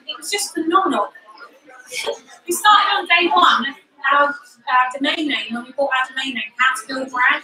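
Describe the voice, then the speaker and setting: Woman, Cockney accent, motivational talk, candid and lively, fairly high voice, roomy distant sound. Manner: lively, candid, swears casually. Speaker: speaker at an event. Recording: echoey room from far off.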